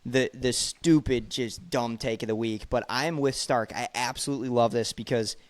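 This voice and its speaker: A man's voice: mid-range voice, fairly even intonation, normal speed, dry recording. A young man hosting a sports podcast, leading the talk and making emphatic points with scores and stats. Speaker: podcast host. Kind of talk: casual sports podcast chat.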